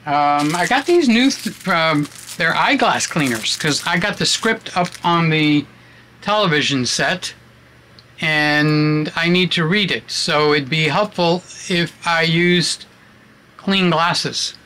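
A man's voice: on the high side, takes it slowly, sharp tone, a little hiss or hum. A man vlogging at home, chatting with many fillers as he sets up his camera on a tripod in a room he uses as a studio. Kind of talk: casual vlog talk.

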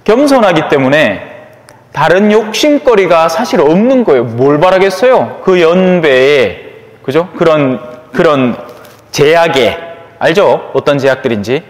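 Gyeongsang priest, homily, high lively voice, chatty, long church reverb. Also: male voice, a little slow. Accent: Gyeongsang Korean. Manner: conversational, chatty, asks listeners for agreement. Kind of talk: sermon.

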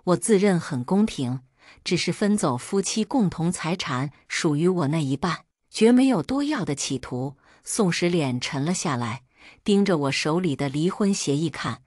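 A woman with a lower, steady voice tells a first-person family drama in measured, emotional storytelling. The sound is close and dry, with no room around it, as from a studio mic. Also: dry recording.

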